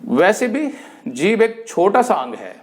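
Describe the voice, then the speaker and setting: एक अधेड़ उम्र का पुरुष बाइबल शिक्षक, जो प्रवचन के अंदाज़ में सिखाता है और कहानियों के पात्रों की बातें अभिनय करके सुनाता है।. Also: male voice, high-pitched, takes it slowly. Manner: animated storytelling, acts out quoted speakers. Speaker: Bible teacher. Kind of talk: sermon-style Bible study.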